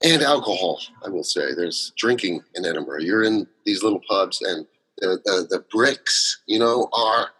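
A man's voice: low-pitched, animated, normal speed, pushed and bright, breathy edge, poor audio. A man chatting as a guest about his solo theater work, telling long rambling stories full of fillers and restarts. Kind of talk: casual interview chat.

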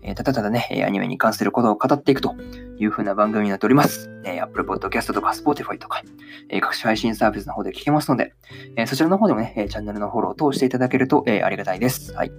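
Man in his twenties, solo podcast host, very rapid speech, lots of fillers and restarts, somewhat low voice. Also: faint music behind. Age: 20s. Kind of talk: casual solo anime review podcast.

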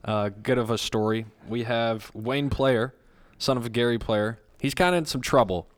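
Smooth-voiced man dishing gossip. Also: mid-range voice, moderate pace. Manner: laid-back gossipy storytelling with cursing. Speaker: podcast host. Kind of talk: casual podcast chat.

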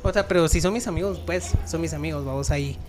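A man's voice: on the high side, quick pace, soft background music. A man, hosting a podcast and telling joking, slangy work stories. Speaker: podcast host. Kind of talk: casual podcast chat.

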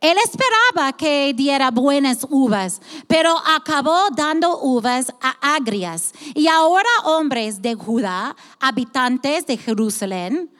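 Pastora de voz aguda y habla pausada, sermón apasionado, reverberación de templo. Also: female voice, high-pitched, expressive, a bit bright. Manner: impassioned, acts out God's voice, many restarts. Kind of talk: sermon.

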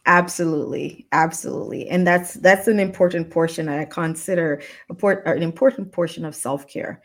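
A woman's voice: on the low side, steady tone, normal speed. A woman hosting a live-streamed interview show, upbeat and effusive, often laughing. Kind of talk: casual interview chat.

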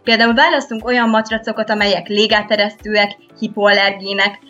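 A woman speaking as an interviewed expert, laying out practical advice in a calm, explanatory way. Her voice sits at a middle pitch. The recording is a little dull and lo-fi, with faint music underneath. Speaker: sleep expert guest. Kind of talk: interview answers.

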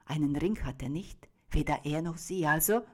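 A woman with a slightly low voice gives a dramatic literary reading of a first-person monologue. She moves between breathy whispers and sudden loud, forceful outbursts. Her phrasing is rhythmic and beats like a drum. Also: unhurried.

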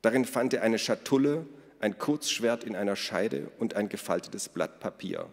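A man's voice: on the low side, animated, normal speed. Man reading a storybook aloud. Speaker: narrator. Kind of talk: audiobook reading. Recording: long reverb.

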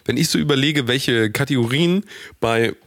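A man's voice: medium pitch, normal speed, no echo. Young man, podcast co-host, rambling jokes, mock outrage, dry close sound. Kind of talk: casual comedic chat.

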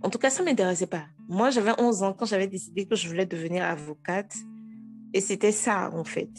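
Faint music sits behind a woman in her thirties from Togo, whose Togolese French accent colors her medium-pitched, slightly fast speech. As a guest in a casual interview, she recounts her own story with frank animation and frequent restarts.

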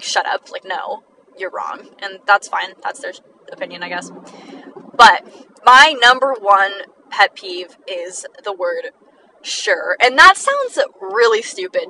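A woman's voice: a little high, sharp tone, far from the mic, slight background noise, poor audio. A sixteen-year-old girl rambling casually on her podcast, full of likes and little laughs. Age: teens, sixteen. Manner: chatty, many likes, quick laughs, self-deprecating. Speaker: podcast host.

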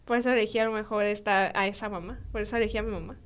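A woman's voice: mid-range voice, rapid-fire. A young woman with a Mexican Spanish accent, a podcast guest telling stories in casual chat, acting out voices with lots of fillers. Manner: animated storytelling, acting out dialogue, frequent fillers.

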